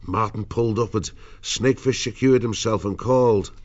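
A man's voice: on the low side, normal speed, dull audio. A man narrating an adventure audiobook in a dramatic scripted storytelling style.

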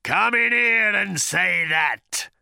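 A furious male creature out for revenge, swinging from a low, slow, rasping rumble to high bellowing shrieks. His voice swoops wildly and stays bright and sharp. It is recorded dry and close, with no room around it. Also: wildly swooping pitch, dry recording, exaggerated voice. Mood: roaring. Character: vengeful reincarnated creature, male, raging. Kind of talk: audiobook character voice.

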